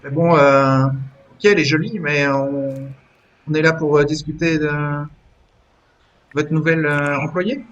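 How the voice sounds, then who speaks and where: A man's voice: on the high side, fairly even intonation, unhurried, fairly bright tone, lo-fi sound, slight background noise. A man running a tabletop game as game master, talking hesitantly with many fillers.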